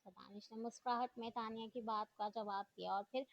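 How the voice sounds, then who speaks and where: A woman reading a novel aloud in a steady storytelling voice. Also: on the high side, brisk, gravelly, dry recording. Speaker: narrator. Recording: dull dry lo-fi recording.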